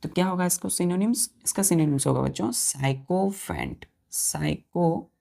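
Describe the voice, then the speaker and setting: A woman's voice: on the low side, normal speed, creaky, mellow. A woman teaching a vocabulary lesson to students, spelling words out letter by letter and repeating each answer. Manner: asks pupils questions and answers them herself.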